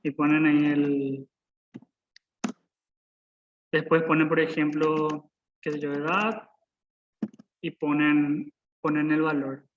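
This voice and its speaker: Over a muffled video call with slight background noise, a programming instructor in his twenties leads a live coding lesson. He speaks slowly with long pauses, in a fairly high, level voice. Patient and repetitive, he often asks his students "¿verdad?".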